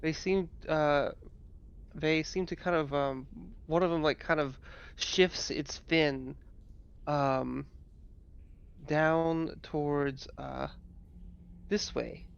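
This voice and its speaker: A man's voice: fairly high pitch, fairly even intonation, takes it slowly, vocal fry, long pauses, smooth, muffled recording. A man narrating a tabletop game as game master, improvising in a hesitant, self-correcting way.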